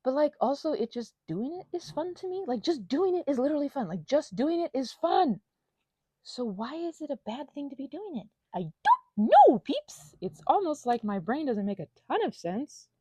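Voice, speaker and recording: A woman with a high, warm, breathy voice, very animated but at normal speed, rambles improvisationally as she finger paints for her audio channel. She's scattered, playful and pokes fun at herself, wandering into asides and tangents and sometimes dropping nearly to a whisper; there's no room sound.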